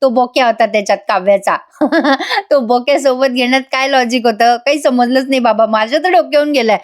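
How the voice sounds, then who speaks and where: A woman's voice: high voice, brisk. Chatty woman recapping a TV serial. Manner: gossipy, addresses viewers directly. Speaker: TV serial reviewer. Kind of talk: chatty voice-over episode recap.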